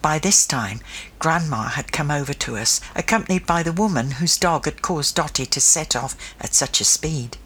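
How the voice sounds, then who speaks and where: Woman narrator, breathy low voice, very lively intonation, children's storybook reading. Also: moderate pace. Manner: expressive first-person reading.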